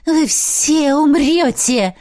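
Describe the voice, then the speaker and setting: A woman voicing a spiteful ghost girl in an audiobook, with a squeaky sing-song voice and slow, taunting delivery. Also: lively intonation, darkish tone, no echo, clean studio sound, heavily acted. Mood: gloating. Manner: taunting, slow drawn-out singing. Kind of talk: audiobook character voice.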